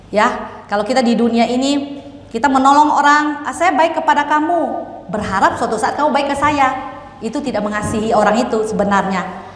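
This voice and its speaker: Woman preaching in an echoey church hall. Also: fairly high pitch. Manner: storytelling with rhetorical questions to the congregation; addresses listeners directly and invites them to imagine. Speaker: evangelist preacher. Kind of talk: sermon. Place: church service in a large hall.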